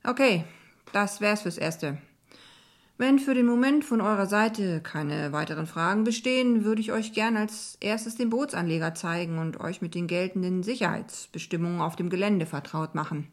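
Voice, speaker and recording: A woman's voice: mid-range voice, normal speed, lightly acted. A woman voicing a friendly male sailing instructor in an audiobook, speaking upbeat and polite with a flirtatious edge. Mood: welcoming.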